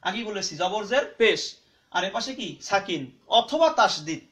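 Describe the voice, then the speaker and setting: A man teaching Quran reading in Bengali, who asks and answers his own questions and spells out letters slowly syllable by syllable. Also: high voice, expressive, a bit bright. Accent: Bangladeshi Bengali. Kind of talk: spoken classroom-style lesson.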